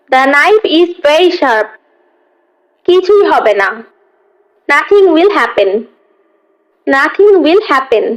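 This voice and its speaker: A woman teaching English, reading a phrase quickly and then repeating it slowly twice in a drill. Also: sits high, poor audio. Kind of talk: slow phrase-by-phrase language drill.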